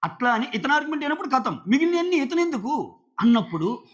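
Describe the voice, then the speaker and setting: A man with a Telugu accent reviewing a reality show in casual commentary, animated and opinionated, retelling the housemates' quarrels in quick asides. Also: very high-pitched, highs cut off.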